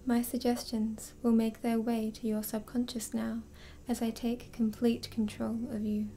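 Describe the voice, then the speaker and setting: A woman hypnotist leading a slow, soothing induction, drifting in and out of a whisper. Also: fairly high pitch, little pitch movement, warm tone.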